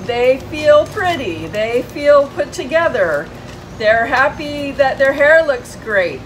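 A vlogger in her fifties chats casually to camera on a covered porch outside a house, telling a personal story indignantly and emphatically while retelling exchanges. Her voice is a little high and fairly bright, the camera sits a few steps away, and the outdoor ambience is clearly noisy.

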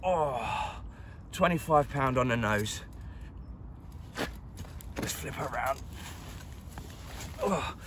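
A cheerful middle-aged Englishman talks excitedly to the camera in a casual vlog, crouched at the edge of a lake outdoors. His voice sits at an ordinary middle pitch, and faint traffic and outdoor ambience hum behind him. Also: very slow, pauses often. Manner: chirpy, chatty, excitable. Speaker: carp angler vlogger. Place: lakeside outdoors, crouched by the water.

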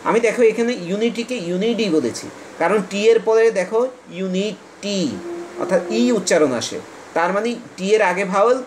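A man from Bangladesh teaching an English lesson, reading English lines slowly and explaining quickly in Bengali. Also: sits high, slight background noise, poor audio.

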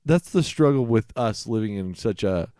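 A man's voice: lowish voice, normal speed, smooth, no echo, clean studio sound. A man co-hosting a podcast, chatting casually in a playful way. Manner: lively, laughs often, playful. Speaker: podcast co-host. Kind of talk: casual chat.

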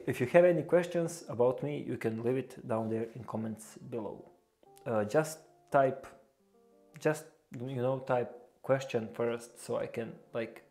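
A young man with a Bosnian accent hosts a casual reaction video from a small indoor room with a lamp. He speaks hesitantly, with lots of fillers and restarts, in a warm, medium-pitched voice.

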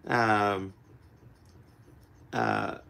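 Speaking low and steady with drawn-out words, a man in his forties rambles with many fillers during a relaxed livestream chat with his viewers. He's a country singer in his home music room, his voice still a bit rough as it recovers from being lost, and acoustic guitar plays loudly in the mix.

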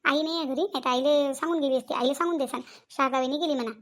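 A woman acts out a young bride-to-be in a cartoon who speaks politely and accommodatingly. She has a high, quick voice and a Varhadi accent from Vidarbha. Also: fairly bright tone. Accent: Varhadi Marathi, Vidarbha. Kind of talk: cartoon voice acting.

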